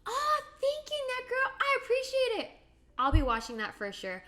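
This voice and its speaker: With an extremely high, sharp voice whose pitch swoops wildly, this late-twenties livestream host talks at a moderate pace. She's bubbly and casual, drawing on stream while reading out what viewers comment.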